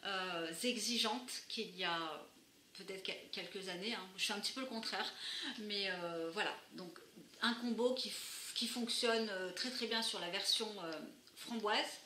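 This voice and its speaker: A woman's voice: mid-range voice, unhurried, pushed and bright, slight background noise. A woman vlogger casually reviewing her product haul, hesitating with many fillers but enthusiastic. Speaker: beauty vlogger. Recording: echoey room.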